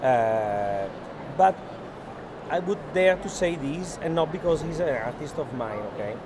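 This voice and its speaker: Guiding visitors through a bustling art fair hall, a gallery owner talks earnestly and without a script. His slightly high voice is expressive and measured in pace, while his non-native English is hesitant. The indoor space is loud and busy.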